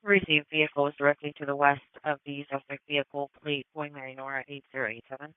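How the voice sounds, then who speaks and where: High, clear male police radio dispatcher. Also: steady tone, fast talker, no room sound. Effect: police radio transmission. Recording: phone-like narrowband scanner audio.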